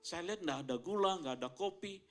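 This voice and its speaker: Indonesian pastor telling a lively testimony. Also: male voice, high-pitched, quick pace, faint music behind. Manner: storytelling, addresses congregation as Bapak Ibu, rises to loud excited peaks. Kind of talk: sermon testimony.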